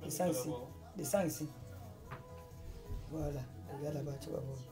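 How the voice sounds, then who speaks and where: A woman's voice: deep voice, moderate pace, loud music behind the voice. A woman chatting casually on a live stream, repeating greetings and asking viewers again and again to share. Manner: repetitive, greets viewers over and over; keeps urging viewers to share. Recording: crowd noise in the background.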